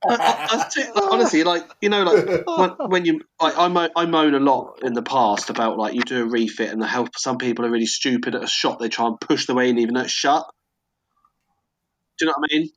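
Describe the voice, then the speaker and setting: A man's voice: mid-range voice, steady tone, brisk, crowd noise. A man co-hosting a podcast, telling rambling stories in casual banter and laughing as he goes. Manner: storytelling, laughing mid-sentence, swearing. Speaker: podcast co-host.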